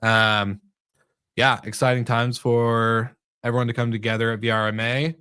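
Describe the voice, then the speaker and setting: A man co-hosting a hospitality podcast, chatting in a relaxed, friendly way and laughing easily. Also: mid-range voice, normal speed, clean tone, no room sound, studio quality. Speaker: podcast co-host. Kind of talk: casual chat.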